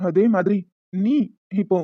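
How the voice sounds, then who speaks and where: A woman's voice: medium pitch, measured pace, no echo, close to an everyday voice. Woman voicing a smug leering young cad, cartoon. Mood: taunting. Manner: taunting, teasing. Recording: dull lo-fi with music behind.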